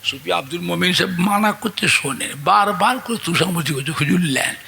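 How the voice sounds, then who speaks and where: A man preaching a waz sermon, acting out the voices in his stories and shouting out to the crowd. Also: high-pitched, lively intonation, normal speed, creaky. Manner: acts out dialogue in his story, shouts to the crowd.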